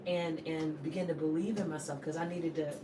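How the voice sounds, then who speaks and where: A woman's voice: deep voice, steady tone, fairly quick. A woman hosting a conversation, giving personal testimony and asking questions, often repeating phrases for emphasis. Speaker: host. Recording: echoey room, distant mic, noisy background.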